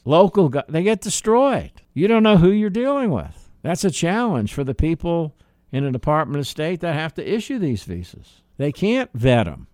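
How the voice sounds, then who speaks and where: A man's voice: mid-range voice, darkish tone, clean tone, no echo, clean studio sound. A middle-aged man from the United States hosting a political commentary monologue, emphatic and full of rhetorical questions. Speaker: radio talk show host.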